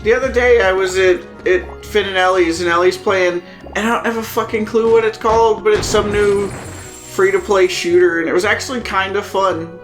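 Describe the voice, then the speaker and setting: A man's voice: high-pitched, steady tone, normal speed, a bit bright. A man co-hosting a let's play, joking dryly and sarcastically in casual chat. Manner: dry, sarcastic humor, swears. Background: faint game music.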